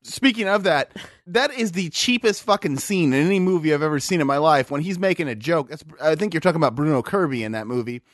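A man's voice: on the high side, lively intonation, fast talker, few pauses, dry recording, studio quality. A man co-hosting a podcast, rambling and swearing in casual chat, a bit drunk, with lots of restarts. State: tipsy. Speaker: podcast co-host.

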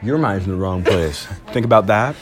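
A man's voice: fairly low pitch, lively intonation, normal speed, over music. A man co-hosting a casual podcast chat at school over lunch, teasing and joking. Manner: teasing, jokey. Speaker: co-host. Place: school during lunch break.

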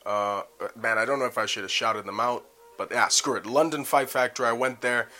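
Bright-voiced Canadian man, animated. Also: medium pitch, a little fast. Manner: animated, swears freely, laughs easily. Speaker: podcast guest, MMA fighter. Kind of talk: casual chat.

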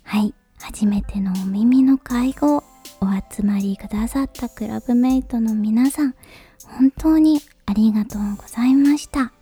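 A woman hosting a late-night podcast in a soft, breathy, whispery voice, speaking to listeners in extremely polite, formal phrasing. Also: fairly high pitch, measured pace, faint music behind. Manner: ultra-polite, formal honorific Japanese phrasing. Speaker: podcast host.

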